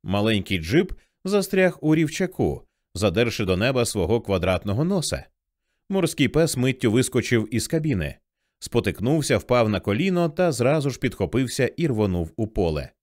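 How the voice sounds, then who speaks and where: Male audiobook narrator, mid pitch, lively expressive read, dry close mic. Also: normal speed, dry recording. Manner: vivid, expressive storytelling.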